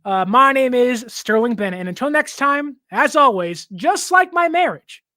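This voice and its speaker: A man's voice: extremely high pitch, animated, normal speed, sharp tone, no echo, clean studio sound. A young man hosting a sports podcast in casual chat, talking loosely with lots of fillers and laughs. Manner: chatty, laughing, filler-heavy. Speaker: podcast host.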